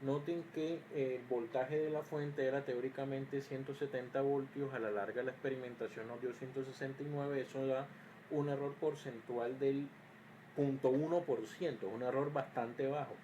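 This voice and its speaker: A man's voice: medium pitch, steady tone, normal speed, mellow, slight background noise, rough recording. A man teaching an electrical circuits lesson, explaining step by step with frequent fillers and restarts, sometimes muttering to himself as he checks his work. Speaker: engineering teacher. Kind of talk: screen-recorded lesson.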